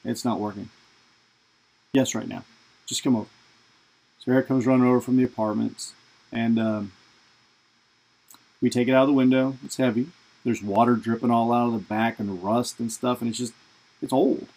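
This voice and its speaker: A man's voice: mid-range voice, little pitch movement, a little fast, pauses often, darkish tone, low-quality recording. A man hosting a podcast, telling a funny personal story in a casual, rambling way. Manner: casual, rambling, lots of fillers. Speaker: podcast host. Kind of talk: storytelling monologue.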